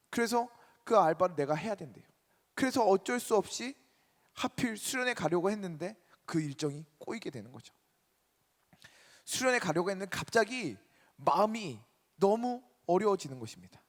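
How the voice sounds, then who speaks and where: A man preaching to a college group, emphatic and questioning his congregation, his delivery swinging between loud and soft. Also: sits high. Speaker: pastor. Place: church sanctuary. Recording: reverberant church hall.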